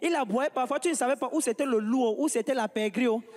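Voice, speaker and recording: A man doing stand-up and introducing acts on a comedy stage, animated and hyping up the crowd. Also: very high-pitched, brisk. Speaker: comedy show host. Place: large stage with live audience. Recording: live stage sound with long reverb.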